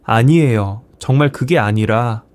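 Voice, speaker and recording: A desperate, remorseful daughter-in-law begging for forgiveness in an audiobook tale, as a male narrator puts her on. Her voice sits a little higher than the reader's own, with a pleading tone, and the sound is close and dry. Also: a little slow, a little mellow, dry recording, close to an everyday voice. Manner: tearful, begging.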